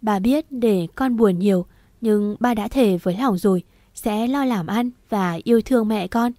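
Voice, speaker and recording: A woman voicing a remorseful middle-aged father who pleads softly with his daughter. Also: medium pitch, moderate pace, no room sound, close to an everyday voice. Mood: pleading.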